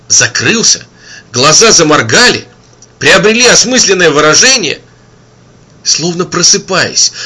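Lively, bright-voiced male narrator. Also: fairly high pitch, husky. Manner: expressive storytelling. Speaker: audiobook narrator. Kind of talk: scripted narration.

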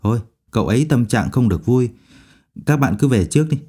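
A man voicing a timid male roommate who speaks softly to smooth things over. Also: medium pitch, lively intonation, fairly quick. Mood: placating. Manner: soft, placating.

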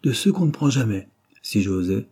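A sly old bandit with a wheedling, knowing way of talking, as a man reads him in an audiobook. The voice sits low and dark, with a husky edge. He sounds gallant and scheming. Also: big pitch swings, moderate pace.

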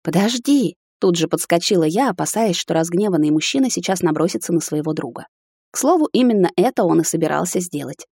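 A woman reading a first-person romance novel, dramatic and sharp-tongued as the heroine. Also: on the low side, lively intonation, fast, vocal fry, breathy edge, no echo, studio quality. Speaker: audiobook narrator.

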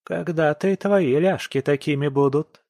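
A man reading an audiobook and voicing an elderly grandmother who teases calmly. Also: fairly high pitch, creaky, no room sound, clean studio sound, pitched above the performer's own voice. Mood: teasing. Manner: mocking, unhurried. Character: calm, teasing old grandmother.

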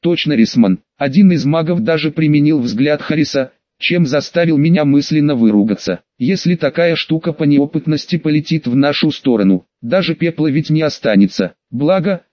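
A man reading a first-person fantasy audiobook in a steady, even storytelling manner. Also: on the high side, normal speed, hardly any pauses, no echo, muffled recording. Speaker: audiobook narrator.

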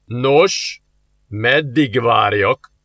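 A man reading aloud, voicing a suave, mocking male demon who talks slowly and teasingly. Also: mid-range voice, expressive, sharp tone, no echo, studio quality. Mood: smug. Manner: smug, slow and teasing.

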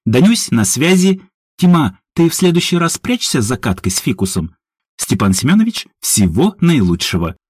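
A man's voice: medium pitch, big pitch swings, normal speed, slightly rough, no room sound, voice pushed up. A man voicing a sarcastic, teasing young woman who mocks everyone around her. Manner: mocking, playful.

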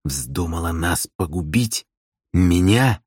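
A furious young man, as a male narrator puts him on, growling and hissing with cold menace. The voice sits very low and deep, in a close, dry reading for an audiobook. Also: slow, a little mellow, no echo. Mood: menacing.

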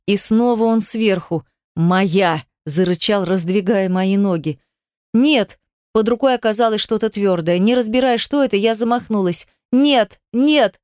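A woman reads a dramatic story aloud in the first person, with tears in her voice. Her pitch sits in the middle range. The recording is dry and close. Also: moderate pace, few pauses, a little mellow, smooth, dry recording. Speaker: audiobook narrator.

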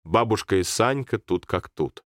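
A man narrating a story aloud in a calm, steady reading voice. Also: lowish voice, unhurried, no echo, studio quality.

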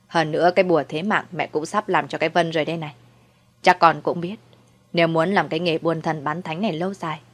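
A woman doing a cruel old sorceress mother-in-law. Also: low-pitched. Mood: falsely sweet. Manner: mocking, sweetly cold then shrieking.

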